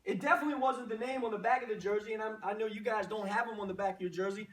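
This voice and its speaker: A man acting as coach fires off a motivational pregame pep talk to his team, using short, punchy phrases and rousing rhetorical questions. His high voice is fairly bright and very fast, with fairly even intonation. The distant microphone picks up a roomy echo.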